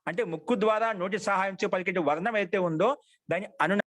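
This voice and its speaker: High-voiced man teaching a grammar class. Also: a little fast, a bit bright. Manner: repetitive call-and-response questioning. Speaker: Sanskrit teacher.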